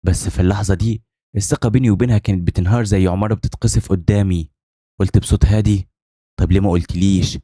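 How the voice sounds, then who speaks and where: A man's voice: on the low side, fairly even intonation, very fast, warm tone, slightly rough, no echo, clean studio sound. A man with an Egyptian accent narrating a dramatic first-person story, intense and brooding. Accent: Egyptian Arabic.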